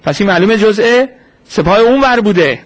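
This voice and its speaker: A man giving a sermon as a story, posing rhetorical questions and answering them himself. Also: high voice. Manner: acts out quoted speech in a lively retelling. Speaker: preacher.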